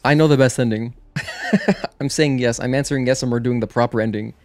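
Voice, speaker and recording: A brisk man's voice, medium in pitch and fairly even in intonation, comes through with no echo. He's livestreaming a video game with its music playing, keeping up a rambling, casual chat with viewers that he breaks off to react and answer.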